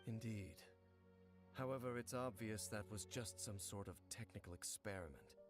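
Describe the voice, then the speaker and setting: A man voicing a calm, measured male investigator who speaks formally in game dialogue. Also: on the low side, natural voice. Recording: game audio with music.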